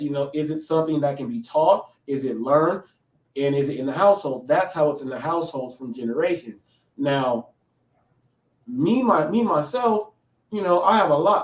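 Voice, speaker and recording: A man in his late thirties hosts a live show with casual, rambling commentary, frequently checking in with "okay?". His voice is fairly high and a little mellow, recorded in an echoey room a bit away from the mic.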